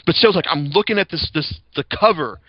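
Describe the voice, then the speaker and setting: A man's voice: a little high, lively intonation, a little fast, dry recording. A man hosting a podcast, chatting casually and reviewing with rambling, profane enthusiasm. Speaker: podcast host. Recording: slightly dull lo-fi sound.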